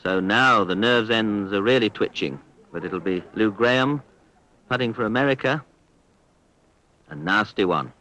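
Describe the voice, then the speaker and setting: A man giving measured, understated golf commentary on a 1970s archive sports broadcast. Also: lowish voice, lively intonation, pushed and bright, low-quality recording. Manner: understated, measured descriptions with appreciative exclamations.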